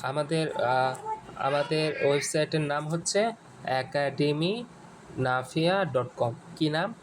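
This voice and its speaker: Halting male tutorial instructor, faint hiss. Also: a little high. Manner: repetitive, halting, many restarts and fillers. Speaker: Arabic course instructor. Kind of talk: screen-share tutorial walkthrough.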